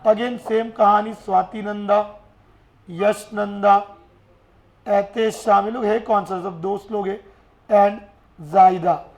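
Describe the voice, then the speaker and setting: A man teaching a class in a lively way, often urging his students to answer and mixing English terms into his speech. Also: sits high, slow pace, vocal fry. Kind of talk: classroom lecture.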